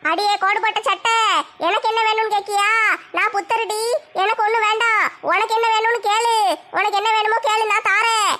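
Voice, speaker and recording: A woman's voice: very high-pitched, little pitch movement, fairly quick, pushed and bright. A woman playing a woman possessed by a commanding Buddha spirit, bossy and chanting a goddess song.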